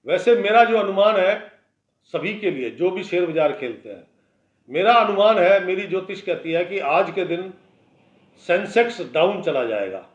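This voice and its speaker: A man's voice: high voice, lively intonation, moderate pace. A man giving a daily horoscope as an astrologer, talking bluntly and warning listeners in a conversational, lecturing way. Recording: echoey room, dull lo-fi sound.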